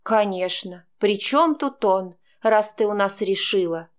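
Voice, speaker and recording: A woman's voice: medium pitch, moderate pace, close to an everyday voice. A woman voicing a cold, sarcastic middle-aged mother who speaks in a cutting, scornful way.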